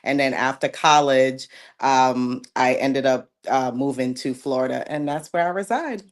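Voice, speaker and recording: A woman from Jamaica talks with a light Jamaican and New York accent. She is poised and measured as an interview guest, and her voice sits deep and low. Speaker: guest, model. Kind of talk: interview conversation.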